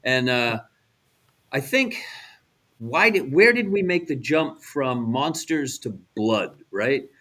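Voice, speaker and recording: A middle-aged or older American man co-hosts a radio show, chatting casually and explaining things while checking in with listeners, often asking "right?" His mid-range voice is bright and forceful, with lively intonation, and he takes his time.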